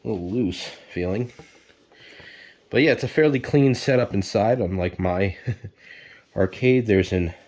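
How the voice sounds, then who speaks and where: A man's voice: on the low side, unhurried, long pauses, darkish tone. Rambling man unboxing an arcade cabinet. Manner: rambling, unsure, thinks aloud with fillers. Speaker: product reviewer. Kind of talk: casual unboxing commentary.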